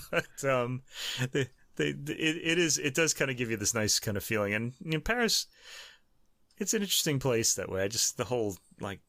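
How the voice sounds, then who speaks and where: A man co-hosting a music podcast in casual chat, halting and stumbling over foreign words with a laugh. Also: mid-range voice, expressive, bright, forceful tone, no room sound, studio quality. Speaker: co-host of a classical music podcast.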